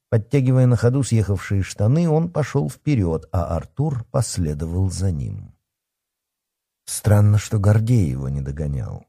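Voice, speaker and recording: A man reading a dark fantasy story aloud with expressive, dramatic narration. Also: on the low side, breathy edge, dry recording, studio quality. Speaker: audiobook narrator.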